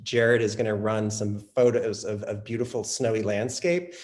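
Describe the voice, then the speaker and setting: A man hosting an interview, speaking casually and haltingly with repeated words. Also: lowish voice, level tone. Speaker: host.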